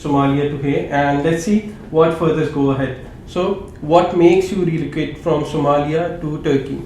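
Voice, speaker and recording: Male host from Pakistan, upbeat affirmations, higher voice, roomy recording with faint noise. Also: steady tone, normal speed, a little mellow. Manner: encouraging, frequent affirmations. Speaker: interview host. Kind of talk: casual interview hosting. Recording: echoey room with faint noise.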